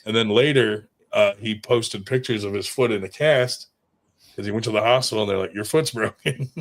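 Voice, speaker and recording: A man's voice: on the low side, normal speed, vocal fry. A man telling stories in casual chat, rambling and swearing freely, with lots of fillers. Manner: rambling and profane, with many fillers.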